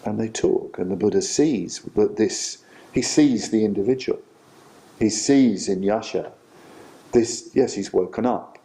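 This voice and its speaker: A male Buddhist teacher giving a retreat talk, telling a story in an animated way with frequent fillers. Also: lowish voice, a little slow. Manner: animated storytelling with many "you know" fillers.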